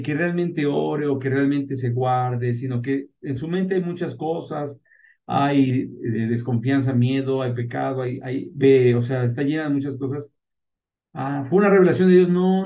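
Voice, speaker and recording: A man's voice: mid-range voice, dark tone. A man preaching a sermon as pastor. He poses rhetorical questions and answers them, and repeats words for emphasis. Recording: distant mic, dull lo-fi sound.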